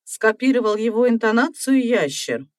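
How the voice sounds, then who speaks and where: A woman's voice: on the high side, sing-song, moderate pace, dry recording, clean studio sound. A woman narrator reading a scripted fairy tale.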